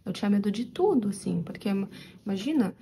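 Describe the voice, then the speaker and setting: A young Brazilian woman with a São Paulo interior accent, telling viewers a personal story in a confiding, animated way while she crochets for her channel. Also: mid-range voice, fairly quick, slight background noise. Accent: São Paulo interior Brazilian Portuguese.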